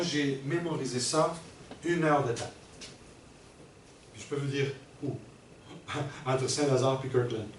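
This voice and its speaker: Middle-aged workshop presenter, patient and explanatory, recorded from afar in an echoey room with background noise. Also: male voice, on the high side, a bit bright. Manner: explanatory, checks in often with the audience. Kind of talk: teaching a workshop. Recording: roomy and distant with background noise.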